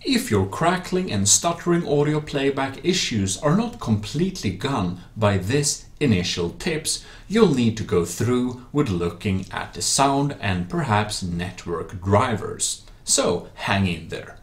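A man with a fairly low voice hosts a tech tutorial, narrating in slightly awkward non-native English and tossing in a few off-the-cuff asides.

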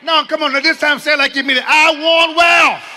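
A man preaching a sermon as a bishop, calling to the congregation and swinging from low asides to shouts. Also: flat delivery, rapid-fire, crowd noise, background noise.

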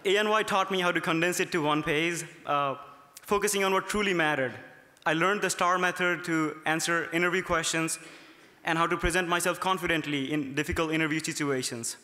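At a gala in an ornate hotel ballroom, an earnest young Nepali student reads a prepared speech from notes at the podium. His slightly high voice is pushed and bright, running a little fast with fairly even intonation, while podium mics catch the hall's long reverb.

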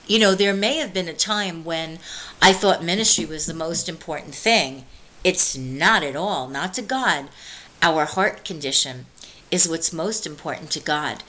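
A woman minister giving an earnest devotional message, pleading with listeners and slowing down on key words. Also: medium pitch, sharp tone, low-quality recording. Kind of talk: devotional preaching.

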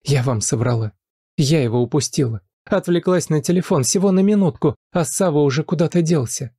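A man voicing a young nanny who pleads tearfully and rushes her confession, in a dark, dry voice. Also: on the high side, husky, no echo, voice pushed up. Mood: pleading.

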